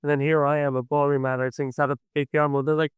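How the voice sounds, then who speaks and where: This young adult folk singer from Ireland speaks fast in a fairly high, level, smooth voice with no echo. As a guest in a casual interview, he chats with enthusiasm and shares stories.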